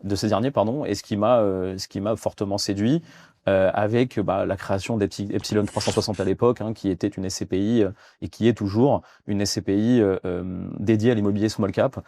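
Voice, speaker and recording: A man's voice: fairly low pitch, fairly even intonation, fairly quick, warm tone, no room sound. A man in his thirties from France, a guest in a business interview, talking with many fillers and restarts. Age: 30s. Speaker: guest, fund development director.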